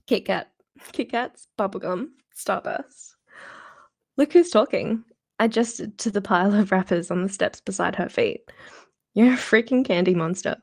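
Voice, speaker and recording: Giggly woman reading aloud with vocal fry. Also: mid-range voice, moderate pace. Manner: giggly, chatty, apologetic asides. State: slightly out of breath. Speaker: book reader on a livestream. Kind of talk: reading a novel aloud with chatty asides.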